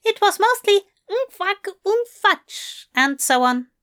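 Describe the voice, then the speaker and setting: A woman voicing a fussy, fond male angel who speaks in a genteel, prim and gently teasing way. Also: very high-pitched, big pitch swings, a little slow, voice pushed up, exaggerated voice.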